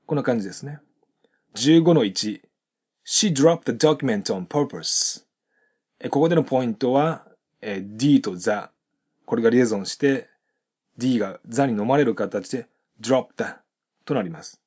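A man teaching English pronunciation from a textbook, reading example sentences slowly and explaining how the sounds link. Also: mid-range voice, lively intonation, darkish tone, breathy edge.

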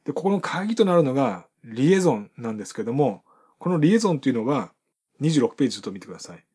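A man calmly explaining English pronunciation rules from his book, repeating and demonstrating each example. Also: mid-range voice, fast talker, slightly rough. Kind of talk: explanatory lesson.

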